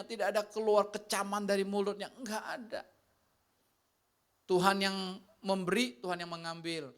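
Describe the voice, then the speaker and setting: A man preaches in a relaxed, conversational way, speaking straight to his congregation. His delivery moves from animated passages to hushed ones. He acts out the complaints and prayers he describes. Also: high-pitched. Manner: talks directly to the congregation, shifting between animated and hushed delivery. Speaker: pastor. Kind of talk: conversational sermon.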